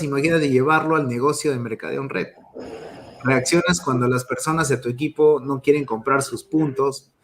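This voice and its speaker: A man giving a motivational talk on emotions in business, telling stories and tagging his phrases with a questioning "¿no?". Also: on the high side. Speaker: network marketing speaker.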